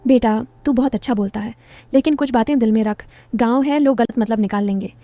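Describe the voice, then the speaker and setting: A woman's voice: fairly high pitch, fairly quick, warm tone, natural voice. A woman voicing a friendly, teasing widowed village woman in her mid-thirties, in a storybook reading.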